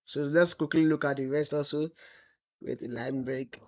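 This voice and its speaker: Steady in tone and moderate in pace, this man's voice sits on the high side. He's leading a screen-recorded web development lesson, throwing out "what?" to the class before supplying the answer, and stretching out the sample text as he types it.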